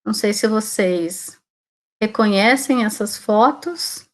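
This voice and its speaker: A Brazilian teacher in her forties from Salvador, Bahia, speaks in a mid-range voice at a slow pace. She gives an informal online talk about her own career, keeping it conversational and often checking in with tag questions.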